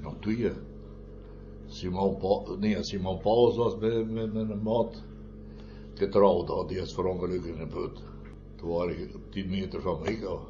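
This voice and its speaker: A man's voice: low-pitched, gravelly. An older man, a former miner, telling rambling stories in an oral history interview, often adding tag questions and short chuckles. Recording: muffled with faint noise.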